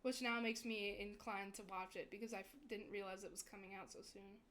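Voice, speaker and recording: A woman's voice: mid-range voice, fairly even intonation, fairly quick, fairly bright tone, a little hiss or hum. A young woman VTuber chatting casually with her stream viewers, rambling and giggling often.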